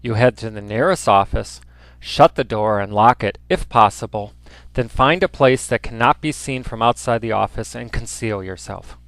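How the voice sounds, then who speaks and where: A man narrates scripted training material in a formal, instructive manner. The recording is close and dry, and his pitch sits in the middle for a man. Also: moderate pace, fairly bright tone, dry recording.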